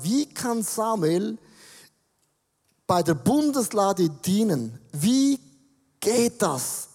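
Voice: medium pitch, darkish tone, long reverb tail. A pastor preaching a sermon on a church stage, earnestly acting out prayers and dialogue.

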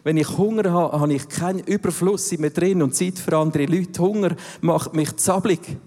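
A man's voice: high voice, moderate pace, dark tone, long reverb tail. A man preaching a sermon, emphatic and full of direct questions to the listener. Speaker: pastor.

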